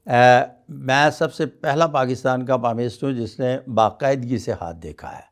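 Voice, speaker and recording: A man from Pakistan, a palmist being interviewed on a podcast. He speaks in a measured, formal and courteous way, at a middle pitch. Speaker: palmist guest.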